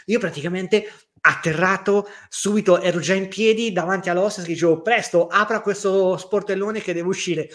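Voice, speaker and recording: A co-host of a livestream talk show chats casually, telling animated stories in a high-pitched voice at a moderate pace with few pauses. He's emphatic, repeating himself and swearing freely.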